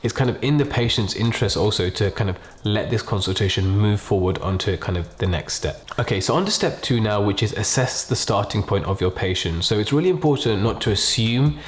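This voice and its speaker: A man's voice: lowish voice, fairly quick, hardly any pauses. A man giving an informal step-by-step lesson as a medical tutor, explaining methodically and numbering his points. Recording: roomy, echoing voice pickup.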